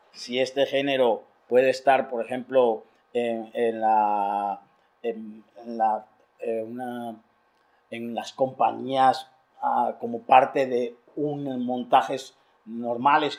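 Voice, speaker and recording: A man's voice: mid-range voice, darkish tone. A man moderating a panel debate, speaking hesitantly with many fillers and restarts.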